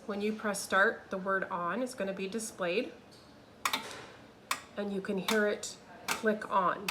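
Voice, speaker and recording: A woman's voice: medium pitch, steady tone, unhurried, noisy background. Woman patiently demonstrating a kiln. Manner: patient, plain instructional. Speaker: instructor. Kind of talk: step-by-step demonstration. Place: kiln room. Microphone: phone held while filming.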